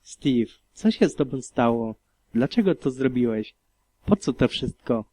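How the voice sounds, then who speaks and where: A man's voice: medium pitch, animated, measured pace, mellow. A man voicing a young mare pony, a desperate, protective sister who pleads urgently, in an audiobook reading. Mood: pleading.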